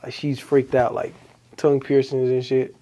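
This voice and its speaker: A man's voice: mid-range voice, moderate pace. A young man hosting a podcast, chatting casually and acting out old conversations as he tells stories. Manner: animated storytelling, acting out past conversations. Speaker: podcast host. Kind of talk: casual chat.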